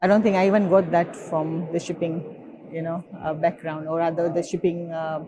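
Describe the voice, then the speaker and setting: A woman's voice: lowish voice, flat delivery, normal speed, background noise. A woman from Kenya, giving a conversational interview with frequent fillers. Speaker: guest.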